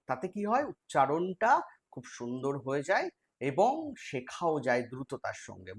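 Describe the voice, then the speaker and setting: A man with a West Bengal accent teaching a live online exam-prep class, explaining step by step and quizzing his students. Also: a little high.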